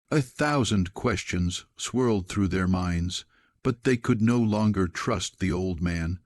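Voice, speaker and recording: Low-voiced male story narrator. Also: dry recording. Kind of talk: scripted narration.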